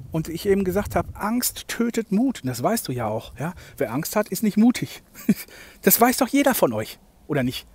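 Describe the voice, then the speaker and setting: A man hosting a motivational podcast monologue, talking emphatically, swinging between loud and soft and often checking in with "ja?". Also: a little high, a little hiss or hum. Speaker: podcast host, coach.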